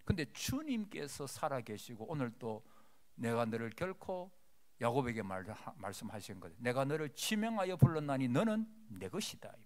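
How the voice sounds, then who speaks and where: A man preaching a sermon in a church. He swings between loud declarations and hushed whispers, and acts out prayers in a pleading voice. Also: mid-range voice, big pitch swings, moderate pace. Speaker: pastor. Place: church sanctuary.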